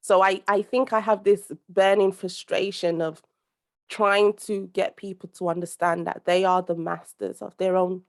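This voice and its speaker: In a mid-range voice with fairly even intonation and a moderate pace, a young adult British woman speaks earnestly as a podcast guest over a call. The social commentator rambles conversationally, with many fillers and restarts.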